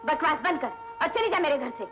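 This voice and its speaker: A stern, harsh lady of the house, barking orders in a high, swinging voice. Music fills the old film soundtrack behind her. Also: sing-song, fairly quick. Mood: angry. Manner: scolding, commanding. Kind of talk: 1960s film acting.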